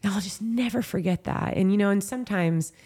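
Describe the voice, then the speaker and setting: Warm and mid-range, with a slightly quick pace, the voice belongs to a Southern Californian woman in her thirties who runs trails professionally. She tells an emotional story in a podcast interview, candid and peppered with "like" and "you know."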